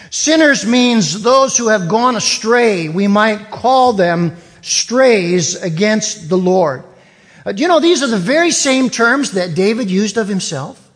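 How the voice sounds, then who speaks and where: A man preaching a sermon, explaining scripture in a deliberate, teacherly way. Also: sits high. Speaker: pastor. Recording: long reverb of a hall.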